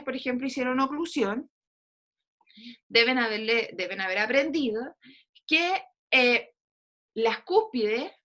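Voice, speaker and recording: A woman's voice: high-pitched, sharp tone. A woman teaching an online dentistry class, coaxing students to answer questions with frequent fillers over a video call. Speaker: dentistry lecturer.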